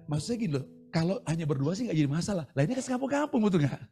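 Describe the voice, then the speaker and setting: A man preaching a sermon over a video call, telling stories in an animated, chatty way. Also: high-pitched, racing, faint music behind. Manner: animated, chatty storytelling with laughs. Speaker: pastor. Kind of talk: storytelling sermon.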